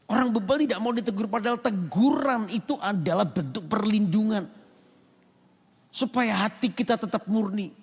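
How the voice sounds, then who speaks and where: A man's voice: high-pitched, normal speed, slightly rough, big-room sound. A man preaching a sermon as pastor, with an Indonesian accent and emphatic calls for amen from the congregation. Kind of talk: sermon with acted anecdotes. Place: large rooftop church hall.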